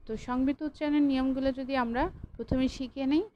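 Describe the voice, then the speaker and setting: Female lecturer, higher-pitched voice, patient online class delivery with self-corrections, faint background hum. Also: fairly even intonation, fast, lo-fi sound. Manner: patient, repeats points, corrects own slips. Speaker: college lecturer.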